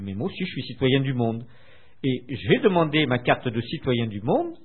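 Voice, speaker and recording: An older man from France tells his story in an interview with a lively, swinging intonation. His voice is a little husky, and he hesitates often with filler sounds. The sound is tinny and narrow, like a phone line. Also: medium pitch. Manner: hesitant, many filler pauses. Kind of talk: recounting memories in conversation.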